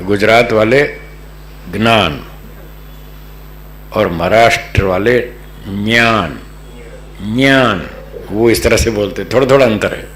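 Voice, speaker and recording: A man from Delhi giving a religious philosophy discourse as a spiritual teacher, patient and explanatory, repeating key terms. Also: fairly low pitch. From Delhi, North India. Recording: echoey hall with faint hum.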